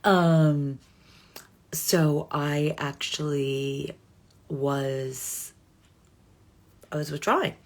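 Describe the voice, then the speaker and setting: A woman in her forties hosts a live stream, chatting casually with viewers while rambling and correcting herself with frequent ums. Her voice sits low, and she speaks extremely slowly, pausing often.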